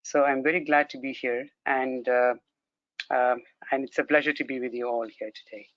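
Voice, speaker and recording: A man's voice: medium pitch, steady tone, normal speed, a bit bright, no echo. A man from Brunei, a consultant ophthalmologist, giving a formal, courteous academic presentation, heard through a video call screen recording. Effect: captured in a video call screen recording. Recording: dry, dull lo-fi video call audio.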